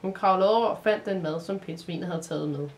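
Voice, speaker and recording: A woman from Denmark narrating an advent storybook in a calm, measured reading voice. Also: on the low side.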